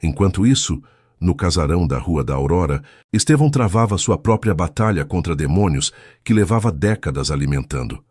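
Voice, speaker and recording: Man, very deep voice, husky, solemn romance narration. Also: no echo, clean studio sound. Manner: even, solemn storytelling. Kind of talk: scripted narration of a romance story.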